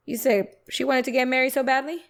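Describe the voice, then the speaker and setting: Gravelly-voiced woman reacting animatedly. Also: high voice, fast talker. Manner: animated, talks back to the video, laughs often. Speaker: reaction video host. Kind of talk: casual reaction commentary.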